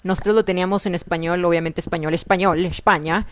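A woman's voice: fairly low pitch, fast, slight background noise. A woman with a Mexican Spanish accent giving casual, chatty commentary over gameplay and repeating her words often. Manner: chatty, excitable, repeats herself, frequent laughs. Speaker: gaming video host.

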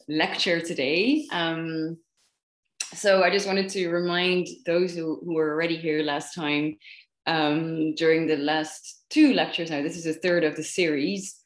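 A woman historian giving a measured academic lecture over a group video call. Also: fairly low pitch, a bit bright, echoey room. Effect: voice heard through a group video call. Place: at home in France.

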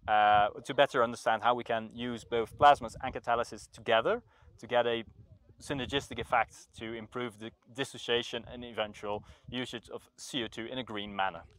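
A young man from the Netherlands, a PhD researcher, introducing his research outdoors in a relaxed way with some fillers. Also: medium pitch, a little hiss or hum. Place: mountain overlook outdoors.

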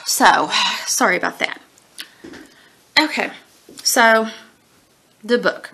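A woman in her forties, sniffling from allergies, chats through a casual book review at home, rambling with frequent ums and throat-clearing. Her voice is on the high side, slow, and sharp in tone, recorded on a webcam at desk distance in a small indoor room.

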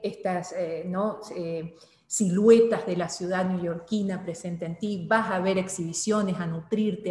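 A woman in her thirties, a television presenter, interviewing a guest with expressive questions. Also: on the low side. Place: small studio room. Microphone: desk mic. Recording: echoey room with long reverb.

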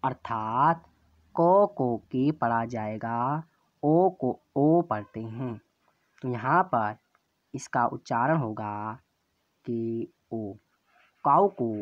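Man teaching letters super slow, spells each sound out, dull lo-fi audio. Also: medium pitch, no echo. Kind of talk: slow classroom explanation.

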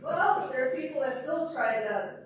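A woman who is losing her voice, hoarse and making easygoing small talk before a church service. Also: high voice, normal speed. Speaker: congregant. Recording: echoey room, distant mic, faint hiss.

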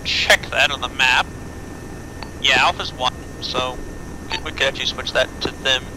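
A man's voice: mid-range voice, moderate pace. A man talking casually to his team as a pilot in a military simulation game, giving informal instructions. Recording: loud aircraft engine noise. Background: helicopter and aircraft noise.

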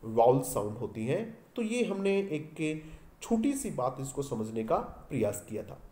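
A man's voice: mid-range voice, very animated, a little slow, mellow. Man teaching with echoey room sound. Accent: Indian English. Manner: repeats points with quiz questions to students. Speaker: English teacher. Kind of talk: exam-prep lecture.

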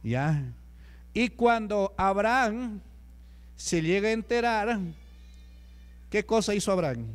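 A man's voice: high-pitched, animated, slow pace, long pauses, long reverb tail. A man with a Peruvian Spanish accent preaching a sermon as a deacon, talking to the congregation with rhetorical questions and acted-out quotes. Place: church hall.

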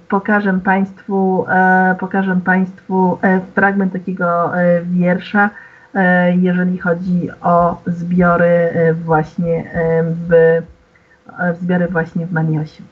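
A woman's voice: on the low side, monotone, takes it slowly. A woman giving an online lecture, explaining patiently to her listeners and hesitating often with fillers. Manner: explains to the audience formally. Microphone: video call. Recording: tinny phone-like online call audio.

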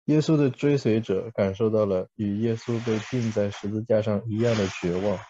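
A man's voice: on the low side, normal speed, mellow, dull audio, slight background noise. A man working as a live interpreter, rendering a speaker's words sentence by sentence, with small self-corrections.

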